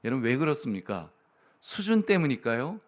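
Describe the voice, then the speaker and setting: Male pastor, mid-pitched voice, chatty sermon delivery that drops to near-asides and rises to emphatic peaks. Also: very animated, a little fast. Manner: conversational preaching, addresses the congregation often, chuckles; swings between soft asides and loud emphatic peaks.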